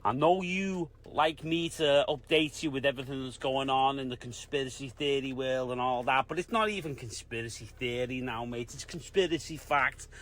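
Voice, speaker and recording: A man's voice: medium pitch, normal speed, few pauses, fairly bright tone, natural voice. A man playing a swearing conspiracy-nut caller from Liverpool. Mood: agitated conspiratorial. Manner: swearing, agitated, conspiratorial, keeps saying mate. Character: paranoid conspiracy-theorist male caller, blokey.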